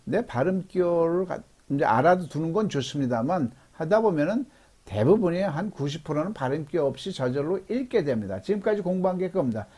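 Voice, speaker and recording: A middle-aged man teaching an English phonics lesson, patiently repeating each word slowly for learners. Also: a little high, animated, a little mellow.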